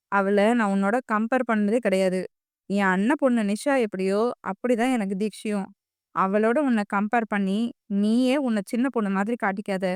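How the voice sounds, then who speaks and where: A woman voicing a firm young man who scolds and then calmly reassures his girlfriend in an audiobook. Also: mid-range voice, smooth, no room sound, studio quality, lightly acted. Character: stern young man, impatient then soothing lover. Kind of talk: audiobook character voice.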